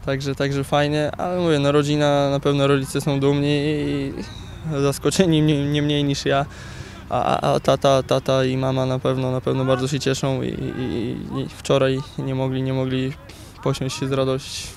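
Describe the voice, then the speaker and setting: A young footballer in his twenties answering interview questions outdoors beside a pitch, halting with many repeated words. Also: completely flat delivery, gravelly, darkish tone. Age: 20s. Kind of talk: post-training interview. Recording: faint outdoor noise.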